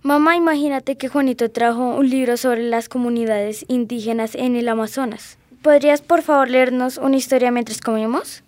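A woman's voice: fairly high pitch, normal speed, few pauses, no room sound, natural voice. A woman voicing a chatty, curious little girl in an educational radio drama. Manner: chatty, excitable.

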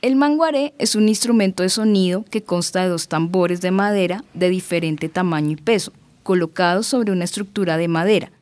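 A woman's voice: on the low side, a little fast, a little mellow, dry recording. Patient mother narrating. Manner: patient, explaining. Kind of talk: educational radio drama narration.

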